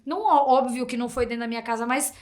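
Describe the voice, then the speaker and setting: A woman hosting a podcast, speaking with a Brazilian Portuguese accent in a slightly high voice. She tells stories in an animated way and acts out her child's replies. Her sentences ramble, with frequent restarts. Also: very fast. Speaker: podcast host. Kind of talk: casual interview chat.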